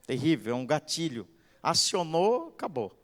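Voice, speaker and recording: A pastor gives an animated, sermon-style talk and keeps checking that he is understood. His voice sits a little high for a man. A long church reverb follows his words. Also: moderate pace. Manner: animated, acts out quotes, asks "entende?". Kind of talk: expressive sermon-style lecture. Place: church hall. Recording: echoey church hall.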